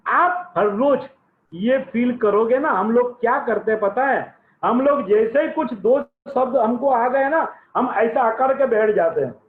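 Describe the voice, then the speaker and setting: High-voiced man on a tinny line. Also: a little slow. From Gujarat, India. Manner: emphatic, repeats key phrases for effect. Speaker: motivational business speaker. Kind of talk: motivational speech. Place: room at his home. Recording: tinny, echoey phone-like recording.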